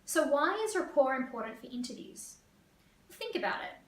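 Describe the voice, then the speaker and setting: A woman career coach from Australia, explaining interview tips to camera in a fast, lively way. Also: high-pitched. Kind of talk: teaching to camera. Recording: echoey room, voice a bit far.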